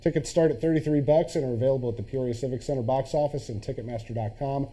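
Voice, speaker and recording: Friendly male morning anchor, mellow, husky tone. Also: mid-range voice, fast talker. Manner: friendly, enthusiastic banter. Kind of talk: TV news chat.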